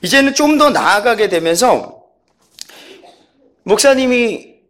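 Animated high-voiced man telling testimony. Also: slow. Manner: animated storytelling, acts out quotes, chuckles often. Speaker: speaker giving a church testimony. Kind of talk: personal testimony talk.

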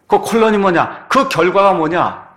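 A man preaching with a fairly high voice, pressing his points through rhetorical questions and short affirming words. His scripture readings drop lower and slower. The voice rises and falls as he makes his case. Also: animated, fairly bright tone. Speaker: pastor. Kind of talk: sermon.

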